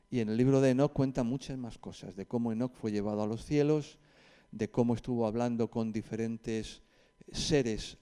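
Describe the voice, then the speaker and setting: A man with an accent from Spain teaches a group in a relaxed, conversational manner, hesitating at times and wandering into asides. His medium-pitched voice is warm, clear and resonant.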